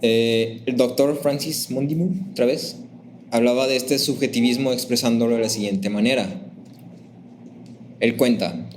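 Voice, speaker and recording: Man, church class teacher, conversational, lively, mid-pitched, faint background hiss. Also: moderate pace. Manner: lively, acts out sample phrases in raised voices; conversational, asks the class questions.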